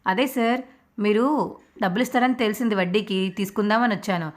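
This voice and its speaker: A woman's voice: medium pitch, brisk, lightly acted. Woman doing a blunt sly young husband, sarcastic edge, plain told-story voice. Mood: fake polite.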